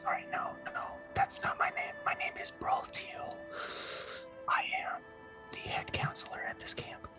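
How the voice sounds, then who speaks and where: A game master voicing a passive-aggressive camp head counselor who speaks only in a breathy whisper and sighs a lot. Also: unhurried, music in the background, natural voice. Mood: irritated. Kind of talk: tabletop game character voice.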